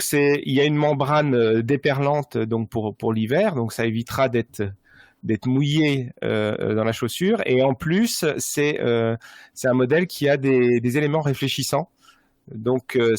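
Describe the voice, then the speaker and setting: A man at an ordinary pitch walks through running gear in a relaxed podcast chat. He hesitates often and restarts his sentences. The recording is close and dry. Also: no room sound. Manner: explanatory, many hesitations and restarts. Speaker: running gear expert guest. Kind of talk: casual podcast conversation.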